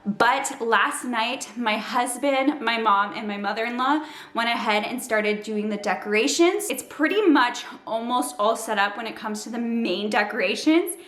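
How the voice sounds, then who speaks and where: Young woman, bubbly vlog chatter, slightly breathless, fairly high voice, echoey room. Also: moderate pace, fairly bright tone. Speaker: vlogger. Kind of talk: casual vlog talk to camera. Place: family house indoors.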